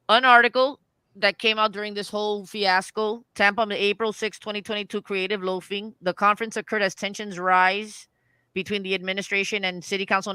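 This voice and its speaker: A woman co-hosting a local political talk show, commenting on the news and reading articles aloud in an animated way with frequent restarts. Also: mid-range voice, smooth, dry recording. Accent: Floridian.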